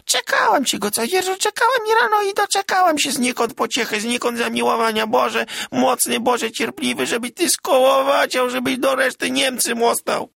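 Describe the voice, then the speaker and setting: A man voicing a middle-aged peasant wife who scolds and laments in a shrill, wailing voice. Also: very animated, unhurried, creaky, fairly bright tone, dry recording, heavily acted. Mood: sobbing shrill. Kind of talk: audiobook character voice.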